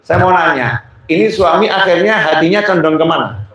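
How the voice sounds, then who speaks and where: A man's voice: on the high side, animated, moderate pace, a bit bright, slight background noise. A man with a Javanese accent giving a jokey sermon, teasing his congregation with questions. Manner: jokey, keeps asking the audience questions. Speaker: preacher. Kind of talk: humorous sermon to a live congregation. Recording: very echoey hall.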